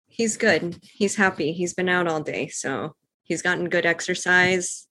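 A woman's voice: on the low side, a little slow, bright, forceful tone, slight background noise. A woman from Cuba, a guest on a casual video call, chatty and agreeable.

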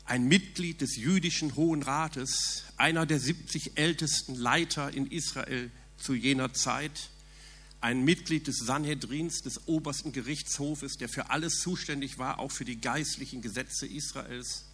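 A man delivers a sermon with earnest emphasis and poses rhetorical questions to his listeners. His voice is husky and sits at an ordinary middle pitch. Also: unhurried, a bit bright. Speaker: preacher.

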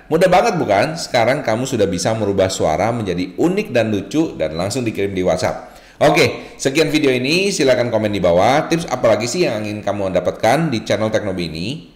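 A man presenting a tech tutorial as host, chatty and checking in with viewers through little tag questions. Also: lowish voice. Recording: roomy, echoey sound.

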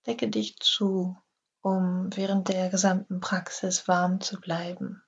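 A woman guiding a yoga nidra relaxation session in slow, soft, half-whispered instructions. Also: fairly low pitch, flat delivery, muffled recording, slight background noise. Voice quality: breathy, husky. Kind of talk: guided relaxation meditation.

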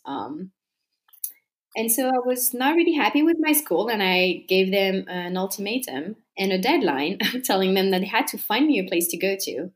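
Chatty French woman, laughing often. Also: fairly low pitch. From France. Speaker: interview guest. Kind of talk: casual conversational interview.

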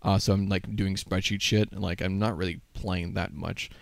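A man's voice: deep voice, little pitch movement, normal speed, creaky, dry recording. A man casually chatting about games on a podcast, rambling with lots of fillers and casual swearing. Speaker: podcast co-host. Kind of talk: casual gaming chat.

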